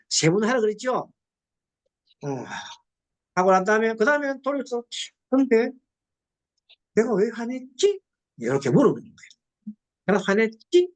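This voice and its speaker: A middle-aged Buddhist nun with a mid-range voice lectures a class on psychology counseling. She quizzes her students and acts out quoted dialogue.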